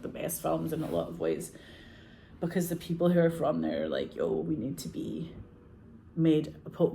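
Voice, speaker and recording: Gravelly yet mellow and pitched low, this Scottish woman, an actress and filmmaker, spins chatty, wandering stories full of laughter and "like." A little hiss or hum sits under the recording.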